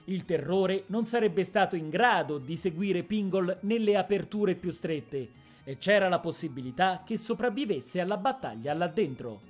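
A woman narrating a fantasy story in a measured, expressive reading style. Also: lowish voice, faint music behind. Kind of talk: dramatic audiobook narration.

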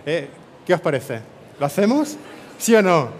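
Energetic Spanish man rallying an audience. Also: fairly high pitch, measured pace, big-room sound. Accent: Spain Spanish. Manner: energetic, peppers speech with "¿eh?" and "¿no?" tags; addresses and rallies a live audience. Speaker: keynote speaker. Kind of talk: motivational conference talk. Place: conference stage before an audience.

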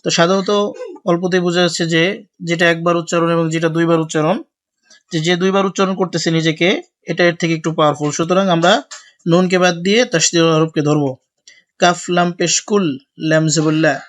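A man teaching a spelling-out Quran lesson, mixing slow drawn-out recitation with brisk explanation. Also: fairly high pitch, little pitch movement. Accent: Bangladeshi Bengali.

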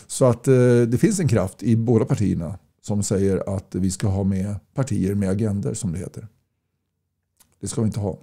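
A man's voice: fairly low pitch, vocal fry, warm tone, breathy edge. A man campaigning in casual talk to camera, blunt and folksy, pressing his points with repeated rhetorical questions. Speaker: political campaigner. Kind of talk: casual direct-to-camera talk reading viewer comments.

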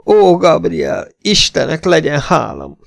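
A man voicing a panicked older woman servant who wails and sobs in drawn-out, shrill cries. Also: wildly swooping pitch, creaky, no echo, studio quality, full character voice. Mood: wailing.

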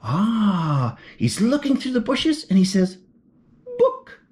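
Slow and darkish in tone, this medium-pitched woman's voice makes big swings in pitch as she reads a picture book to kids. Surprised gasps and questions to the listener punctuate each page turn.

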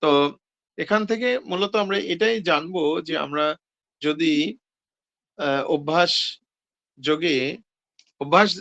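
A man giving a devotional talk on scripture, posing questions and answering them himself, with hesitant pauses and self-corrections. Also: a little high, fairly even intonation, bright, forceful tone, no room sound, dull audio. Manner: explains with rhetorical questions and answers. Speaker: seminar speaker on scripture.

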